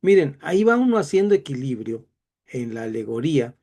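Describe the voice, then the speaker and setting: Gravelly Mexican man teaching a class. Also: mid-range voice, sing-song, a little fast, a little mellow. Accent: Mexican Spanish. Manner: digressive, chatty, self-deprecating asides. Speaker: Bible teacher. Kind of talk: classroom lecture.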